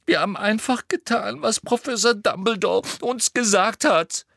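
Raised above the reader's own pitch into the mid range, this crying teenage schoolgirl stammers and whines at normal speed. Her tone is creaky and fairly bright, captured in clean studio sound without any room noise.

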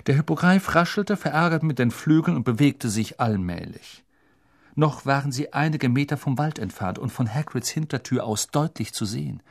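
A man reading a fantasy audiobook aloud, expressive storytelling that voices all the characters. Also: medium pitch, moderate pace, vocal fry. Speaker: narrator.

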